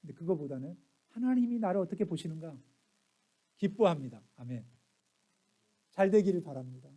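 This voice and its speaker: A middle-aged male pastor preaching, his voice pitched high for a man yet mellow and warm in tone. He tells stories and acts out the lines of others, dropping to near hushes and rising to loud bursts. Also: animated, moderate pace, husky. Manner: storytelling, acts out family quotes, swings soft to loud. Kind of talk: sermon.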